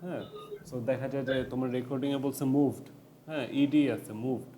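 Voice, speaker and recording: A man's voice: mid-range voice, fairly even intonation, fairly quick, warm tone, a little hiss or hum. A man giving a casual IELTS tutoring lecture, mixing English tips into loose, chatty explanations with many fillers.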